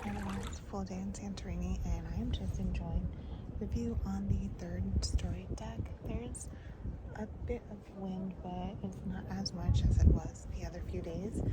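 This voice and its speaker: A woman from the States narrating her travel vlog, relaxed and enthusiastic, sometimes whispering. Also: fairly low pitch, heavy background noise. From United States. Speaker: travel vlogger. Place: outdoors on a windy island and in an airport.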